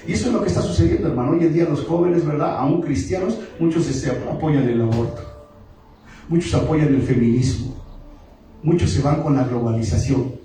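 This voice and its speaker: A man preaching an emphatic sermon and calling for responses from the congregation. His voice sits a little high for a man. He is picked up from a distance, so it rings through a big echoing church with music playing underneath. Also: fairly quick, dark tone. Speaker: pastor. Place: church sanctuary. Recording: echoey church hall from a distant mic, music behind.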